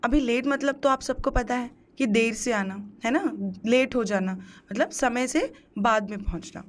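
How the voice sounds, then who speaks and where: A woman with a high voice teaches a grammar lesson over slides. She pronounces English words with a Hindi accent. She keeps asking the class questions and then answering them herself. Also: measured pace. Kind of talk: exam-prep grammar lesson.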